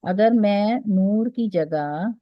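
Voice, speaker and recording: Here she talks extremely slowly in a mid-range voice, the audio dull but free of echo. Teaching Quran recitation online with her Pakistani Urdu accent, she patiently breaks things down and keeps asking "theek hai?" to confirm her students are following.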